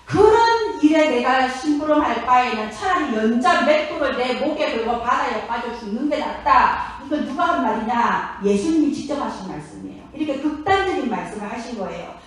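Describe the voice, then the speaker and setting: A woman pastor delivers a sermon in a high, bright-pitched voice. She tells stories with lively emphasis and keeps putting questions to the congregation. The sound comes from a distance and rings through a very echoey church sanctuary. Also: moderate pace, hardly any pauses. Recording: echoey church hall, from far off.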